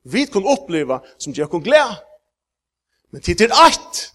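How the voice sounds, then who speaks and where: Emphatic preacher, man. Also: high voice. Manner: halting with many fillers, rising to emphatic peaks. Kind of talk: sermon.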